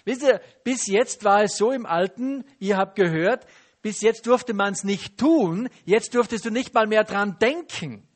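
High-voiced preacher guy, lively teaching sermon, keeps asking the crowd stuff. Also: measured pace. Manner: lively, asks the audience questions and acts out quotes.

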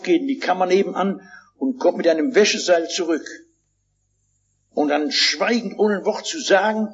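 An older man delivers a sermon in a husky, slightly high voice and tells stories in vivid detail. He slows down and rises on the key lines. The recording sounds muffled and dated. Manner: emphatic preaching, slows and rises on key phrases; storytelling, acts out voices. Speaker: preacher.

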